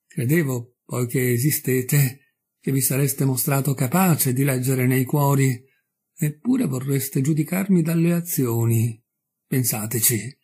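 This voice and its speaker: A man's voice: medium pitch, dark tone, slightly rough. A man voicing a desperate male murderer who pleads with passion in an audiobook reading. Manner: impassioned, anguished.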